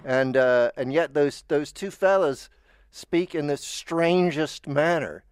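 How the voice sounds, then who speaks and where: A man's voice: on the high side, slow pace, smooth, dry recording. An American man chatting casually as a show host, rambling and stammering through restarts. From United States. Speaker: podcast host. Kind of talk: casual chat.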